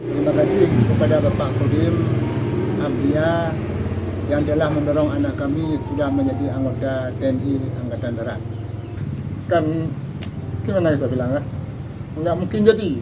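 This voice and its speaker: A man's voice: fairly high pitch, moderate pace, pauses often, loud music behind the voice, poor audio. A man in his sixties from Aceh, speaking modestly and plainly as a soldier's father giving thanks. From Aceh, Indonesia. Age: 60s. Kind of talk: humble interview thanks.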